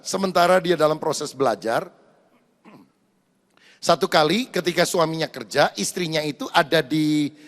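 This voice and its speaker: A male pastor preaching a sermon, telling a story and addressing the congregation directly. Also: a little high. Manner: storytelling, animated, addresses congregation as brothers and sisters. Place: church. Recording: echoey church hall.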